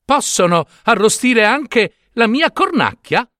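A man's voice: very high voice, sing-song, slow pace, pushed and bright, no room sound, studio quality, pitched above the performer's own voice, heavily acted. A man voicing a bold, foolish young peasant who talks in a cheerful, cheeky drawl.

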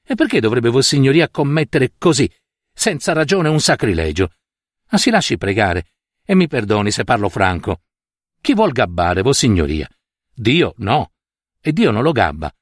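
A man's voice: mid-range voice, sing-song, moderate pace, dry recording, clean studio sound. A man voicing a humble, pious craftsman who answers his master respectfully and pleads with him. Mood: earnest.

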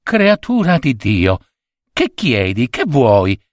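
A man's voice: medium pitch, huge pitch swings, takes it slowly, no room sound, studio quality. A man voicing a timid peasant wife in a folk tale, pleading in a raised voice and stammering when scared.

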